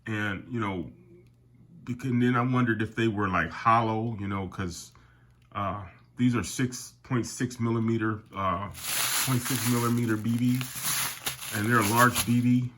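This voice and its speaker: An older man with a lowish, fairly even voice and a nasal sound from a summer cold hosts his airgun collecting channel at a measured pace. He rambles casually about products to camera, full of fillers and restarts, calling viewers "guys," over a noisy background.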